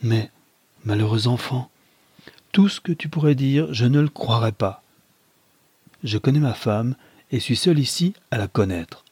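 A man's voice: mid-range voice, expressive, measured pace, pauses often, darkish tone, husky, dry recording, pitched above the performer's own voice. A man reading a novel aloud, voicing a distraught young husband who pleads and then cries out in anguish. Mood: firm refusal. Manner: pleading, rising to anguished outcries. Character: Adolphe, anguished young husband, easily wounded.

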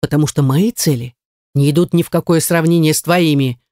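A reader voicing an angry, domineering young politician who talks in a curt, scornful way. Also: male voice, fairly high pitch, steady tone, fairly quick, mellow, dry recording, clean studio sound, lightly acted.

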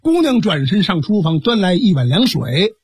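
A man narrating a traditional tale in a lively, dramatic storyteller's manner on a close studio mic. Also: sits high, moderate pace, breathy edge, dry recording.

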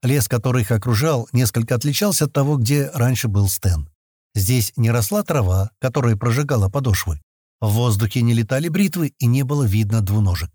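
A man narrating an audiobook chapter in a measured, expressive storytelling manner. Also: mid-range voice, no room sound, clean studio sound. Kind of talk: scripted narration.

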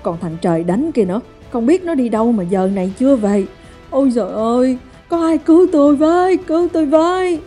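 A woman's voice: very animated, moderate pace, mellow, faint music behind, close to an everyday voice. A woman voicing a foul-mouthed, panicked middle-aged village mother who curses and shrieks for help. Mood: panicked cursing. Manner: cursing, shrill and panicked.

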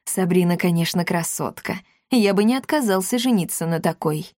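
A woman reading aloud, voicing a sly, scheming young male secretary who speaks in a hushed, conspiratorial way. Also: fairly low pitch, animated, normal speed, no room sound, studio quality, natural voice.

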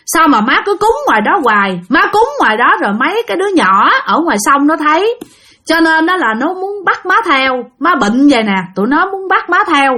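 A woman's voice: high-pitched, sing-song, fairly quick, bright, forceful tone, pitched above the performer's own voice, exaggerated voice. A woman voicing the ghost of a dead young man who speaks through his mother's body, pleading and urgent. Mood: urgent, earnest. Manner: pleading, urgent, gasping for air.

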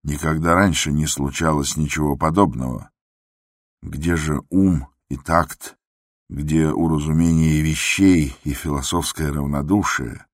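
Very deep, slow male narrator. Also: dry recording, clean studio sound. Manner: measured, even storytelling. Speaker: audiobook reader. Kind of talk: scripted narration of classic prose.

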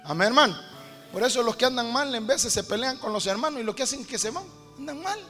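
Male preacher, really high bright voice, keeps saying brother, big echoey hall with soft music behind. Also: lively intonation, quick pace. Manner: emphatic, keeps addressing listeners as brother. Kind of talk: sermon. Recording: reverberant hall with faint music.

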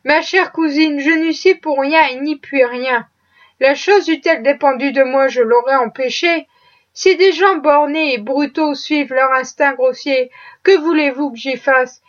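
Woman voicing a weary cynical gentleman, slow resigned speech, high voice, lo-fi audiobook.

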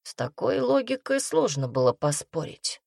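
A woman narrates a first-person audiobook with lively, expressive storytelling. Her voice sits somewhat low for a woman. The recording is dry and close, with no room sound. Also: moderate pace, creaky, no echo.

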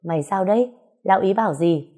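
A woman's voice: medium pitch, brisk, warm tone, natural voice. A woman reading a story aloud, voicing a bossy, foul-mouthed older woman. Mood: scolding. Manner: blunt, scolding, swearing.

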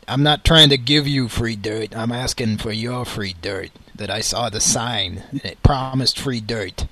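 Bright-voiced man making prank calls. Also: medium pitch, measured pace, no echo. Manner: mild, polite and persistent on the phone. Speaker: prank caller and co-host. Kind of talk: prank phone call.

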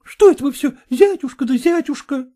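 A man doing a tearful young woman, high and pleading. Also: lively intonation, a little fast, dark tone.

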